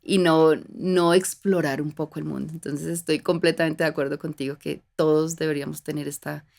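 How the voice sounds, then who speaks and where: Low-voiced Colombian woman, reflective. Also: fairly even intonation, brisk, gravelly. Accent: Colombian, Bogotá. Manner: reflective, warm storytelling with frequent fillers and restarts. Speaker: guest. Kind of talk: casual conversational interview.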